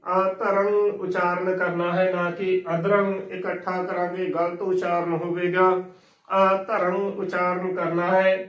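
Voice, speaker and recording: A man's voice: high-pitched, fairly bright tone, reverberant, distant mic, low-quality recording. A man teaching scripture pronunciation, spelling each word out letter by letter and repeating the right and wrong forms. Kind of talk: slow spelling-out pronunciation lesson.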